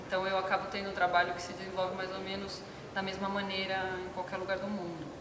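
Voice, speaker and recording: A woman from Argentina, a visual artist, calmly explaining her work in an interview and often restarting her phrases as she thinks. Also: medium pitch, fast talker, background noise. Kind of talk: interview monologue. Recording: echoey hall with music behind.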